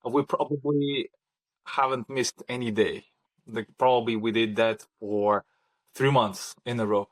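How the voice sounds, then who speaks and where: A man's voice: mid-range voice, fairly even intonation, a little slow, dry recording. Hesitant man from Kazakhstan. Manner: hesitant, many ums and restarts. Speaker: podcast guest. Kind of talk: conversational interview.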